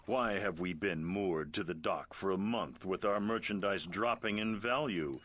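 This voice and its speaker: A man's voice: deep voice, unhurried, fairly bright tone. An actor playing a sardonic, exasperated seaman and trader in a video game, with a salty, sarcastic way of talking.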